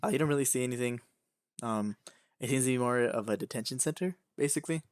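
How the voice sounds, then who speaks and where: A man narrating as game master for a casual tabletop session, talking loosely with many pauses and ums. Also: mid-range voice, no echo.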